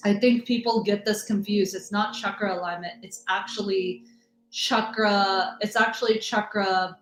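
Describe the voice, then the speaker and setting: A woman's voice: medium pitch, a bit bright. A woman in her thirties from the US Midwest hosting a casual live stream, rambling and greeting viewers by name. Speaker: livestream host, energy reader. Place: home room in Texas. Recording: echoey room, faint music.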